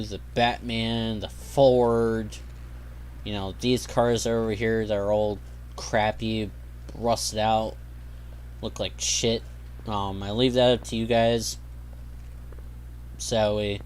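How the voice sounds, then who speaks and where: A young adult man hosts his own gaming channel, chatting easygoingly as he plays and rambling with plenty of ums and casual asides. His voice is on the low side, with slight background noise.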